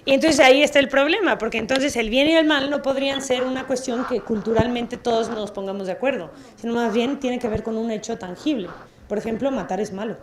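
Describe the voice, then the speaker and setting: A woman lectures in an auditorium, speaking. Her voice sits fairly high. She keeps things lively, putting questions to the room and adding playful asides. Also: a little hiss or hum. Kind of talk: public talk with audience questions.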